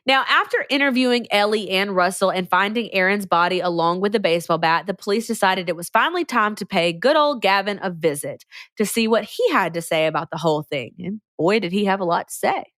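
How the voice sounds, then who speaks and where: A woman's voice: medium pitch, lively intonation, a little fast, fairly bright tone, no room sound, studio quality. A woman co-hosting a podcast, chatting casually and sarcastically through a true-crime case. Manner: chatty, slangy, sarcastic asides. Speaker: podcast co-host.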